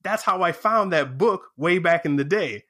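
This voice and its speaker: Excited and quick, a man being interviewed casually recounts a story in rapid bursts of speech. He plays the characters himself, his pitch leaping as he voices their lines.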